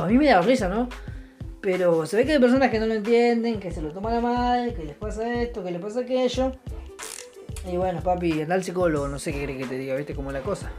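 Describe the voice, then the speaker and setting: A young man with an Argentine Rioplatense Spanish accent, high-voiced and darkish in tone, works as a comedian. He tells a rambling stand-up story in a sarcastic, offhand way, with lots of restarts and fillers, and laughs at his own jokes.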